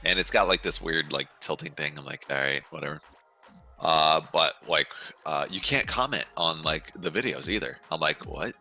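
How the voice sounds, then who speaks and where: A young man in his twenties with a very deep voice co-hosts a relaxed podcast. His tone is strikingly bright and sharp, and he chats loosely, acting out his own reactions, over faint music. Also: moderate pace. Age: 20s. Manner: casual, quotes his own thoughts aloud. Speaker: podcast co-host. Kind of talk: casual chat.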